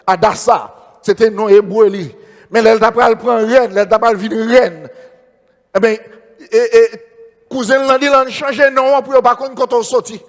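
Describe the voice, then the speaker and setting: A man's voice: very high-pitched, steady tone, normal speed, in a large hall. A man with a Haitian Creole accent preaching a sermon as pastor, repeating phrases and calling out amen. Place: church.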